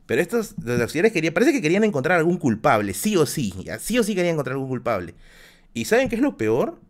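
Lively Peruvian man telling stories. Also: on the high side, fast talker. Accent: Peruvian Spanish. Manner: animated, slangy, self-mocking. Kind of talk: casual storytelling.

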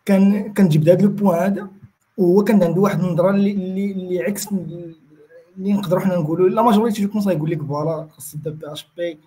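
High-pitched, very fast-talking Moroccan man. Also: steady tone, warm tone, poor audio. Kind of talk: casual panel discussion.

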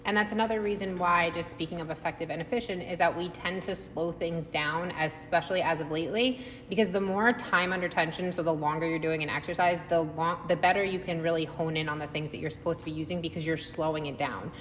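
A woman's voice: fairly even intonation, quick pace, hardly any pauses, a bit bright. A woman who coaches fitness, co-hosting a casual podcast recorded in a gym. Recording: echoing gym, long reverb, faint rumbling noise.

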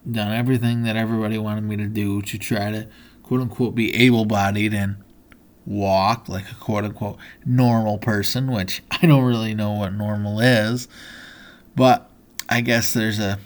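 A man's voice: lowish voice, flat delivery, normal speed. A man hosting a podcast, telling a personal story in an earnest, motivational way, with many fillers and restarts. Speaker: podcast host.

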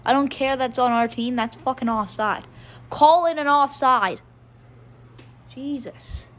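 A woman's voice: high-pitched, a little slow, fairly bright tone. A woman doing casual amateur hockey play-by-play, profane and rambling, laughing at her own jokes.

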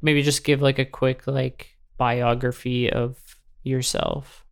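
A woman's voice: extremely low pitch, level tone, slow pace, creaky. A woman interviewing someone in a casual, chatty way. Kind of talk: casual chat.

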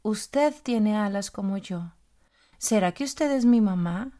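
A woman's voice: mid-range voice, expressive, slow pace, mellow. A woman voicing a lonely little male bird chick in a children's story, asking plaintive questions. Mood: pleading.

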